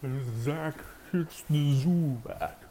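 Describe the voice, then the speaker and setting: This man takes it slowly, with a fairly high pitch and a dark tone. As a gaming show host from Essex, England, he chats casually and rambles to listeners, joking and swearing a lot, his Estuary English accent paired with slightly slurred, lazy diction. It's a noisy outdoor phone recording, handheld, made while walking in urban surroundings with traffic.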